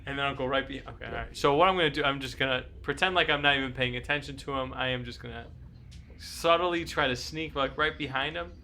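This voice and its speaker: A man playing a tabletop game, eagerly planning his moves out loud. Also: medium pitch, quick pace, slight background noise. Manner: eager, laughing, plans out loud. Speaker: player. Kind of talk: casual tabletop role-play.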